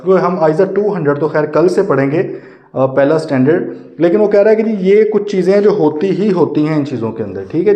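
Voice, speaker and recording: A man's voice: on the high side, dark tone. A man teaching an online audit lecture, explaining each point by rephrasing it and checking in with the class. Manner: explains by rephrasing and repeating points, asks "ठीक है". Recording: dull lo-fi sound in a roomy space.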